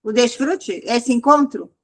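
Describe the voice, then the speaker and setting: With a fairly high pitch and an unhurried pace, she leads a church group through her testimony in a wandering, casual way. Restarts come often, and she raises her voice to quote others.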